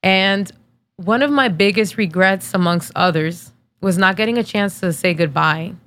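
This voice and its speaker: A podcast host in her thirties, her bright medium-pitched voice unhurried, shares a personal story in a candid, casual way full of fillers. She grows tearful and emotional as she talks.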